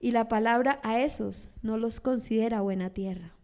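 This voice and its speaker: A woman pastor delivers a sermon with a high voice. Her preaching is animated and expressive. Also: normal speed. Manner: animated, acts out churchgoers' lines in quoted voices.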